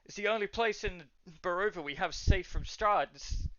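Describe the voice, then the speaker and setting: Guy doing a scared town guard begging for help, bright voice, dry mic. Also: high-pitched, no room sound, dull audio, pitched above the performer's own voice. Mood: desperate, urgent. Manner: urgent, pleading, halting restarts. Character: frightened male town guard, desperate.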